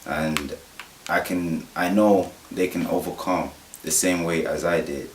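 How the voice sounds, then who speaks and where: A man speaking slowly and earnestly in a reflective documentary interview, recorded in an echoey room with faint hiss. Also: sits low, fairly even intonation.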